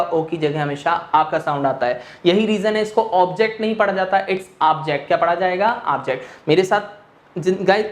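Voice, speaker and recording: A male English teacher lecturing an online class, asking questions and answering them himself, mixing English phrases into his explanation. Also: sits high. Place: teaching room with a board. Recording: echoey room.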